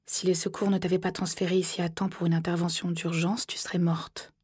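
A woman voicing an insistent husband at a hospital bedside, in a breathy, low voice, in an audiobook. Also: level tone, brisk, a little mellow.

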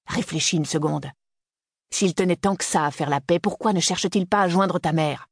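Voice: medium pitch, moderate pace, husky, no room sound, studio quality. A reader voicing a young male university student in an audiobook, who argues and pleads insistently. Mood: pleading. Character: young man, restless university student son. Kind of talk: audiobook character reading.

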